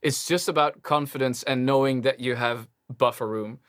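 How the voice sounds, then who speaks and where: A man with a Dutch accent coaching a singer through a one-on-one singing lesson, relaxed and encouraging. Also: normal speed, clean tone. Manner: relaxed, encouraging, demonstrates high sung lines. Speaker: vocal coach.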